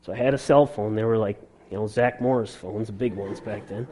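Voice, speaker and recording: A middle-aged man telling a personal testimony in an earnest, halting way, with many restarts and fillers. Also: lowish voice, mellow. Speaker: speaker sharing a conversion testimony.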